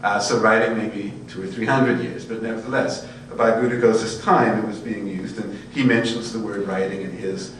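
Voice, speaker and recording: Echoey, distant recording of a low-voiced male lecturer. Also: steady tone, normal speed, few pauses. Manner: erudite, discursive, checks in often with "right?". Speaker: lecturer in Buddhist studies. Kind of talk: informal academic lecture. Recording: very echoey, distant microphone, faint hum and noise.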